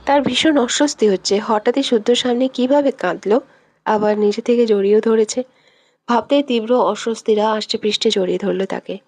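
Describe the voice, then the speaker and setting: A woman narrating a romantic audio story in a steady, expressive reading voice on a close mic. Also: a little high, brisk, no room sound.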